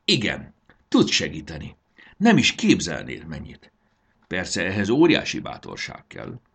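A man voicing a clever, bold young boy in a storybook, brisk and confident. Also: low voice, wildly swooping pitch, gravelly, fairly bright tone, husky, heavily acted.

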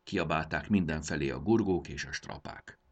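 A man narrating a fantasy audiobook with expressive storytelling. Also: rumbling low.

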